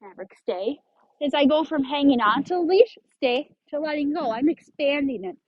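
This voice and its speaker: A woman's voice: high voice, moderate pace, no room sound, highs cut off. A woman dog trainer explaining leash handling step by step, giving firm short commands to a dog. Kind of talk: instructional demonstration.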